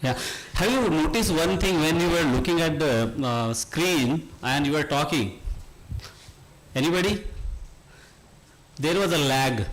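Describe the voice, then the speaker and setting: A man's voice: fairly high pitch, fairly bright tone, rough recording. A male endoscopic spine surgeon, speaking to workshop participants in a conversational teaching manner and asking them questions. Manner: conversational, asks the audience questions. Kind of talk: lecture to a workshop audience.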